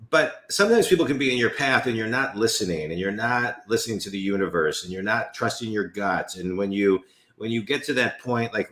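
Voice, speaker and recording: A man's voice: on the low side, fairly bright tone. Rambling fifty-year-old man hosting a podcast. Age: 50s. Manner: rambling, many fillers like you know. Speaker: podcast host and business coach. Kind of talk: casual interview chat.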